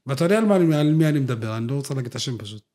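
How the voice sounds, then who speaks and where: A man's voice: mid-range voice, animated, warm tone. A young man, co-hosting a podcast and telling stories in casual slang, full of fillers and restarts. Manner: slangy, rambling storytelling with many fillers. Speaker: podcast co-host. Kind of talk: casual chat.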